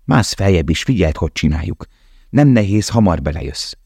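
A man voicing a calm, wry, experienced roofer who gives quiet advice. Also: sits low, gravelly, husky, no echo, clean studio sound, pitched above the performer's own voice, heavily acted.

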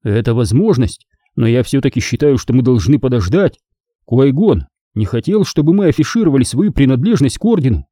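A man voicing a calm, cautious teenage Jedi apprentice in an audiobook, speaking in a measured, gently reasoning way. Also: mid-range voice, husky, no room sound, studio quality.

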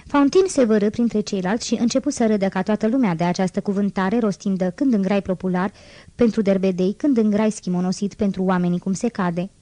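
Woman reading an audiobook, steady measured narration, mellow voice, close dry mic. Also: mid-range voice, no echo. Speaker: audiobook reader. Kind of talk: scripted narration.

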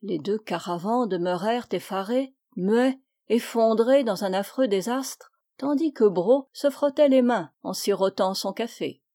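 A woman's voice: mid-range voice, a little slow, hardly any pauses, mellow. Woman reading a classic tale aloud. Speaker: reader.

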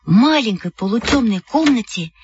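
A woman narrating a children's storybook in a lively, expressive way. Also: on the high side, moderate pace, dull audio, a little hiss or hum. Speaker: audiobook narrator.

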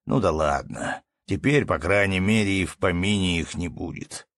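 A man doing a gruff pompous steward. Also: low voice, normal speed, fairly bright tone, no echo, studio quality. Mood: bossy. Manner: bossy, grumbling orders. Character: gruff pompous estate steward, harsh and smug.

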